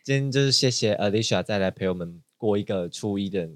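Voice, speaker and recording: Low-voiced teasing podcast host. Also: male voice, a little fast, dry recording. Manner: laughs often, teasing. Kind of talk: casual chat.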